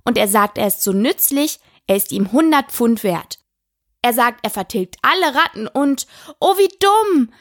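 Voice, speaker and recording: A woman's voice: fairly high pitch, lively intonation, normal speed, fairly bright tone, no room sound, clean studio sound. A woman voicing a polite, curious young girl who chatters eagerly and apologizes often.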